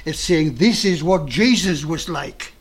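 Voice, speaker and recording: A man preaching a sermon in an earnest, emphatic way with dramatic pauses. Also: a little high, animated, slightly rough.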